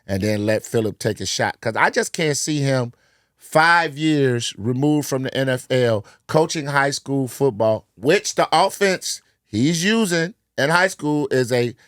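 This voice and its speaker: Mid-voiced dude talking football, blunt, sarcastic, cusses, dry close recording. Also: male voice, medium pitch, expressive, unhurried, fairly bright tone, dry recording. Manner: blunt, sarcastic, swears, acts out quotes. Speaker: sports podcast co-host. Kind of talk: casual sports debate.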